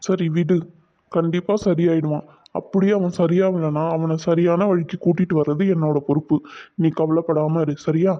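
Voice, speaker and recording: A man voicing a calm cartoon dad. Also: fairly high pitch, normal speed, lo-fi sound, lightly acted. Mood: reassuring. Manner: calm, reassuring. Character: calm reassuring cartoon father. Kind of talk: cartoon voice acting.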